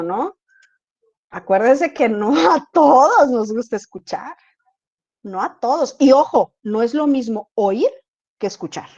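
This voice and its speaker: High-voiced teacher on a dull call. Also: female voice. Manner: explains with repeated check-in questions. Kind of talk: online class lecture. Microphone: video call. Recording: dull lo-fi video call audio.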